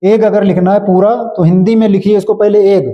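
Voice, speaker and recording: A man teaching English grammar in Hindi, explaining slowly and checking often that his students follow. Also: sits high, flat delivery, lo-fi sound. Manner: repetitive, checks understanding often. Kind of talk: slow classroom explanation in Hindi.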